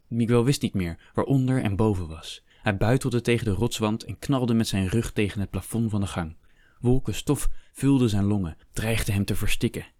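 A man narrating a historical story in a steady, measured reading. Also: lowish voice, no echo, clean studio sound. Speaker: audiobook narrator.

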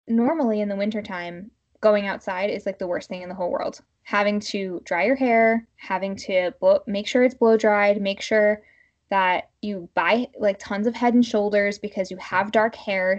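A woman's voice: medium pitch, fairly even intonation, moderate pace. Woman chatting casually, slightly dull lo-fi recording. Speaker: podcast co-host. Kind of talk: casual podcast chat.

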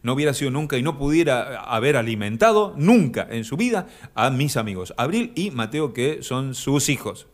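A man with an Argentine accent hosting a comic live stream, reading comments aloud with deadpan absurd humor and sudden high shouted voices. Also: normal speed, hardly any pauses. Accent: Argentine Spanish. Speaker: comic host of an Instagram live.

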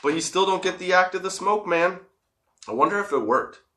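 A man's voice: high voice, animated, fairly quick, sharp tone. A man hosting a casual, comedic solo podcast, stoned and rambling, giggly, drawing out the odd word. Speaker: podcast host.

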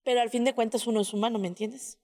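A woman sharing a personal testimony in casual storytelling, speaking hesitantly with many filler pauses. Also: a little high, fairly even intonation, warm tone, big-room sound.

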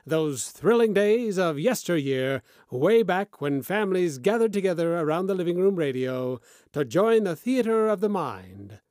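Theatrical high-voiced male old-time radio announcer. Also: expressive, moderate pace, darkish tone, no echo, clean studio sound. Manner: theatrical, grand.

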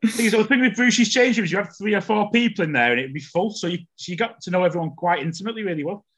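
Male host, high voice, chatty yarn-spinner. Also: animated, very fast, a bit bright, breathy edge. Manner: chatty storyteller, stammers when starting a story. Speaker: podcast host. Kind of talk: casual podcast chat.

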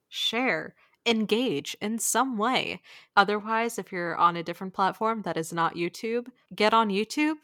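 A woman's voice: fairly low pitch, sharp tone, no echo, clean studio sound. A young woman co-hosting a casual podcast, rambling with lots of filler words and frequent giggles. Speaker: podcast co-host.

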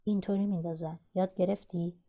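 A woman's voice: fairly low pitch, steady tone, dark tone. A woman reading the part of a bossy young boy who scolds his little sister at a board game. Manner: scolding, impatient. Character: bossy impatient young boy, older brother.

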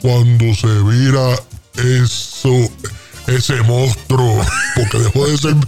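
A man, co-hosting a morning radio show and telling a comic story with slang and dramatic pauses. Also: medium pitch, fairly even intonation, vocal fry, over music.

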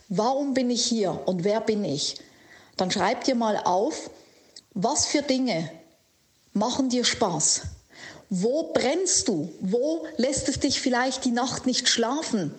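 A woman life coach giving a motivational monologue, speaking slowly and earnestly straight to the listener. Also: on the high side, animated. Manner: earnest, slow and emphatic, speaking directly to the listener.

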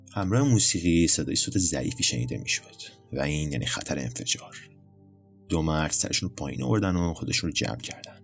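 A man narrating a scripted story in a measured, storytelling manner. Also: rumbling low.

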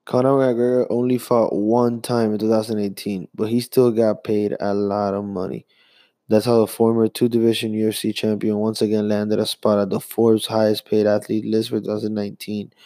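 A young man rambling through a profane, casual sports rant as a vlogger, jumping between fast bursts and drawn-out phrases. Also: fairly low pitch, warm tone, dry recording.

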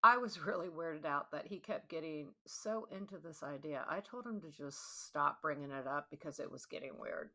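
A woman's voice: low voice, moderate pace, few pauses. A young woman hosting a podcast, telling a story bluntly and with a lot of swearing. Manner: blunt, profane, animated. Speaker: podcast host.

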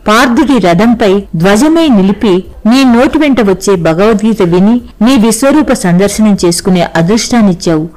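A woman's voice: mid-range voice, darkish tone, natural voice, poor audio. A woman voicing a devout male monkey god who explains patiently and reverently in a storybook reading. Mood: devoted.

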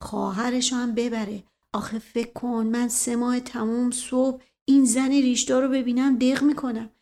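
A woman voicing a sly, joking middle-aged prince who talks in a soft, conspiratorial, teasing way. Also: on the high side, flat delivery, lightly acted.

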